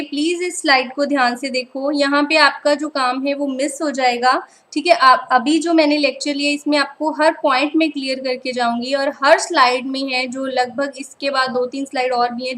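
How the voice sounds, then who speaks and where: A woman teacher with a high voice gives an online lecture over slides. She talks patiently and keeps pausing to check that her students are following. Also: a bit bright, poor audio. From Punjab, India. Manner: patient, keeps repeating "ठीक है" to check understanding.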